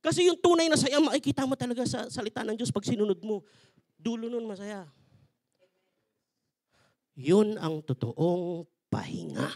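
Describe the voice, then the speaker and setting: A male pastor preaching an energetic, emphatic sermon at a men's conference, mixing in English verses. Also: extremely high pitch, fast talker.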